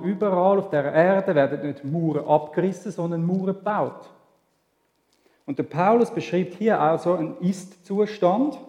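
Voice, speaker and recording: A man's voice: a little high, mellow. A man with a Swiss German accent preaching a sermon in a conversational way, asking rhetorical questions. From Switzerland. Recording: echoey hall with long reverb.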